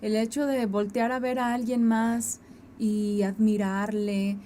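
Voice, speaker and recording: A woman co-hosting a faith teaching program, speaking earnestly and acting out quick quoted asides. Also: mid-range voice, flat delivery, mellow, slight background noise. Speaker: co-host. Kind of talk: conversational teaching.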